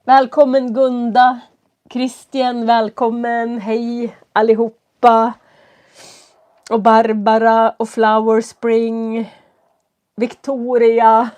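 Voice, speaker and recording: A woman with a stuffy nose and a cough, teaching from home and talking slowly and clearly for learners as she greets viewers on a live stream. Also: on the high side, little pitch movement, a little mellow, lo-fi sound. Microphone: computer setup.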